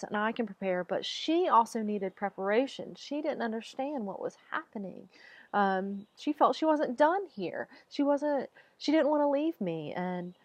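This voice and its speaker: Teary woman talking real slow and halting, a bit high, dry close sound. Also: no room sound, lo-fi sound. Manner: slow, halting, searching for words. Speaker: animal communicator. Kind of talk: personal talk to camera.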